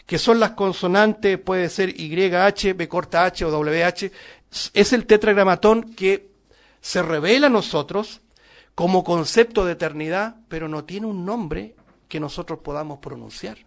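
A middle-aged man preaches a sermon in a notably high voice. He speaks emphatically and keeps putting rhetorical questions to his congregation. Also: a little slow.

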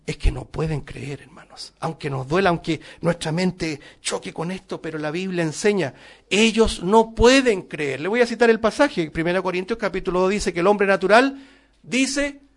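A middle-aged male preacher giving a sermon, emphatic and full of rhetorical questions to the congregation. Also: sits high.

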